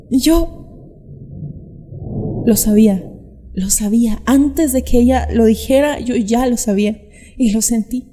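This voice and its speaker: Young woman vlogger, earnest testimony, higher voice, mellow tone, long reverb behind her. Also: slight background noise. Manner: earnest, acts out quoted voices. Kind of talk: emotional personal storytelling. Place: outdoors, on camera. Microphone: camera mic.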